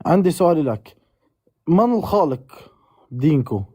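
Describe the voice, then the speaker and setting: Man, mellow and dry-sounding caller, persistent. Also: a little high, sing-song, normal speed, dry recording. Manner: insistent, pushes to finish his point. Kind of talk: live online debate.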